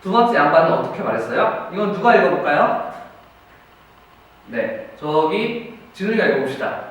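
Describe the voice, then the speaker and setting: A man's voice: sits high, fairly bright tone. A man teaching a class, asking students questions and praising their answers. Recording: very echoey room, distant mic, faint noise.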